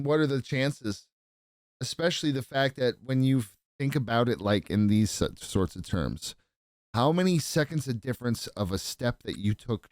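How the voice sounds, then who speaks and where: A man's voice: on the low side, darkish tone, no room sound, clean studio sound. A man co-hosting a podcast in casual chat, rambling and swearing a lot. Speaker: podcast co-host.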